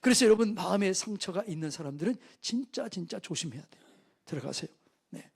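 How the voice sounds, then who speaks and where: A man's voice: high-pitched, expressive, brisk, vocal fry, breathy edge. A man preaching at a church revival meeting, asking the congregation questions and answering them himself. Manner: call-and-response preaching, asks the congregation questions. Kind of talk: sermon.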